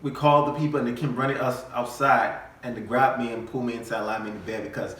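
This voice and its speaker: A man's voice: medium pitch, fairly even intonation, fast, a bit bright. A young man chatting casually and jokily beside his wife. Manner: easygoing, jokey, laughs along. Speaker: co-host, husband. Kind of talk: casual chat. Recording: echoey room from far off.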